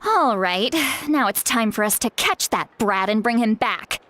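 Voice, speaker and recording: An actress playing an earnest, caring woman guide in a fantasy video game, speaking in a measured, explanatory way. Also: fairly high pitch, lively intonation, sharp tone. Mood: concerned, thoughtful. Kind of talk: scripted video game dialogue.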